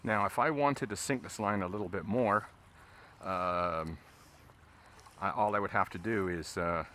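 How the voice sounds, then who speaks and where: A deep, unhurried man's voice, with a little hiss or hum on the recording. Out on a river, this fly fishing instructor fishes from a boat and casually, relaxedly walks through fly casting step by step as he casts.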